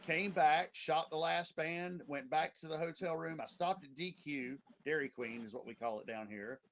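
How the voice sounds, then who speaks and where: A man's voice: fairly high pitch, normal speed. Noisy recording of a rambling man. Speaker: event photographer, interview guest. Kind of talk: casual, rambling anecdotes. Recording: clearly noisy background with clicks.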